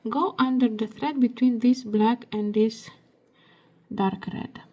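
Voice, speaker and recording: A woman hosting a beading tutorial, giving soft step-by-step instructions, her voice hoarse as if she is losing it. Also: fairly high pitch, steady tone, dull audio. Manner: soft, slow, half-whispered while working.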